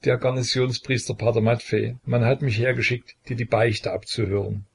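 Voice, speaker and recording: A timid, frightened garrison priest pleading anxiously in a lifted, husky voice, as a male narrator puts him on. The gravelly rasp of the reader stays under the raised pitch in a spoken storybook. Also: flat delivery, moderate pace. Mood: fearful pleading. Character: timid fearful garrison priest, middle-aged man.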